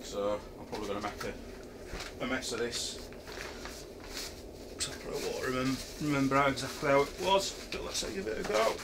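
A camera a few feet away records a middle-aged Yorkshire man casually reviewing a camping chair in his kitchen, hesitant and full of ums. He talks at a moderate pace in a medium pitch with vocal fry, and there's background noise.

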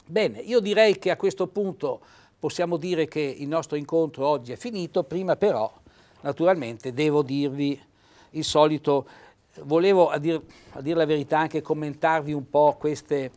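In a small TV studio, a man in his sixties from Trentino, Italy, hosts an informal lesson, reading Italian dialect phrases in his Trentino accent and explaining them. His voice is on the high side and a little mellow, at a moderate pace, picked up by a lapel mic.

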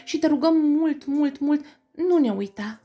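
A woman voicing a gentle, worried mother mouse who reads a letter in a soft, pleading, earnest voice, in a storybook reading. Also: high voice, voice pushed up.

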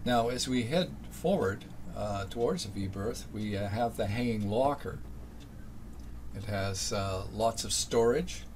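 An older man giving a casual narrated tour of his small sailboat cabin, unhurried and halting, full of fillers. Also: fairly low pitch, slight background noise. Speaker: boat owner giving a tour. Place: small sailboat cabin, then home office.

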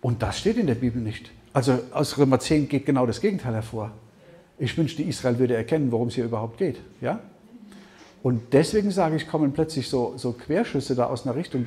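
A man giving a conversational Bible seminar talk, often checking in with the audience with a quick "ja?". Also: medium pitch, warm tone. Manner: conversational, keeps asking "ja?". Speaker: Bible teacher. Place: seminar hall with audience questions.

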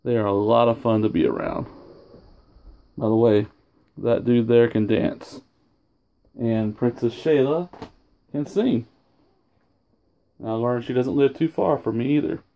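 Indoors at home over a sofa, a man casually shows off his autograph collection in a home video, speaking in an animated, unhurried, medium-pitched voice that is creaky and dark in tone. He rambles, pauses often, loses his train of thought, and corrects himself, and the audio's highs are cut off.

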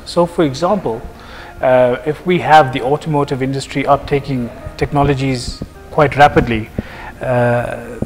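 A man in his thirties, originally from South Africa, answers interview questions at a middle pitch, working through examples and pausing on fillers. The room carries a long hall reverb. Faint music plays underneath. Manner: measured, explains with examples, frequent fillers. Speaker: project manager being interviewed. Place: office lounge, seated on a sofa.

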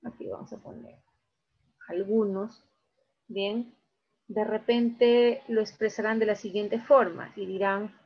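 A woman's voice: mid-range voice, fairly even intonation, husky, dull audio. A woman teaching a recorded class, explaining step by step and checking in often with her students. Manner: slow, explains step by step with frequent check-ins.

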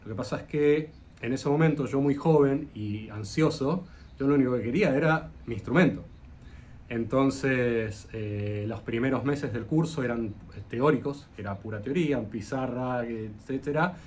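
Over a video call with faint hiss or hum, an Argentine-accented luthier shares casual interview stories. His voice is mid-range, a bit mellow, at an ordinary pace, and he rambles through long anecdotes, frequently hesitating with "eh."

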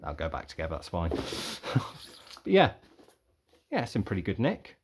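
Laid-back man, low voice. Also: normal speed, noisy background. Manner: relaxed, rambling, thinking aloud. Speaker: vlogger reviewing car boot sale finds. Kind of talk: casual show-and-tell.

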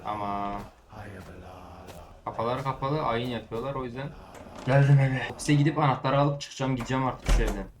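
A young man in his late teens giving excitable, swearing let's-play commentary and talking straight to his viewers. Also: medium pitch, fairly quick, long pauses, background noise. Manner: excitable, swears, shouts at the game; chatty, talks to his viewers. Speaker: gaming YouTuber. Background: game music.

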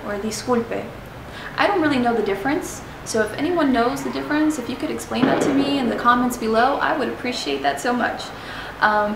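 Teaching travel phrases in a casual explanatory video, a young woman, a native Spanish speaker, talks chattily and pokes fun at herself, with frequent ums and restarts. Her voice is gravelly and on the high side. An echoey room, distant mic, and noisy background color the recording.

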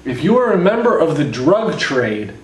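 A hungover young man teaches casually in a deadpan, slightly awkward way. His voice sits a little high. He is recorded in a roomy space at some distance from the mic. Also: moderate pace, slight background noise. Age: young adult. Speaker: calculus lecturer. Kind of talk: casual whiteboard lecture with joking asides. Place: living room at home, indoors. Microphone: camera mic from a few feet away.

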